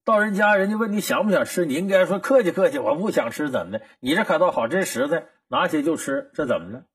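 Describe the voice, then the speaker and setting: Teasing friendly elder host, a guy doing it, husky and kinda high. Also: animated, quick pace, no echo, recorded from a distance. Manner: playful ribbing.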